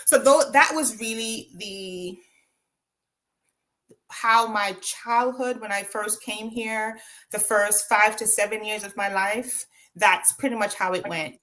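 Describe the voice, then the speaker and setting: With a medium-pitched voice that sounds pushed and bright, a Jamaican woman recounts her life as an interview guest. She is reflective, speaks with a Jamaican accent, and leans on ums and tag questions.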